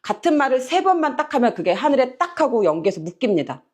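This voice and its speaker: A middle-aged woman preaches a sermon from a church pulpit, her voice set somewhat high and swinging widely up and down. She acts out the voices she quotes with animated energy. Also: fast. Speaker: pastor. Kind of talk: lively Korean sermon.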